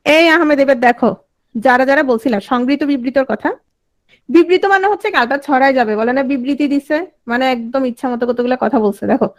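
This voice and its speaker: A woman teaching a class, sounding out vowels and quizzing her students. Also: high voice. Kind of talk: online class lecture.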